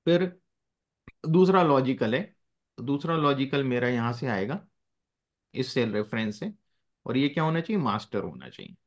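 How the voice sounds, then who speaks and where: A man's voice: mid-range voice, big pitch swings, moderate pace, long pauses. A male teacher taking a live class, with a voice that rises and falls a lot as he explains. He mixes in English phrases and keeps stopping to check that everyone is following.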